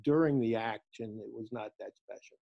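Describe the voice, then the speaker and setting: A man's voice: lowish voice, moderate pace, gravelly, lo-fi sound. A man on a video call, telling a story in a rambling way with hesitant fillers. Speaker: small group participant.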